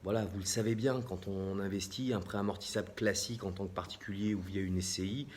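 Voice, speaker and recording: A man's voice: low-pitched, fairly even intonation, fast, a little mellow. A man with a French accent explaining property investing on a casual live stream, with frequent hesitations and restarts. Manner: hesitant, many fillers and restarts. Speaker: real estate investor hosting a live stream.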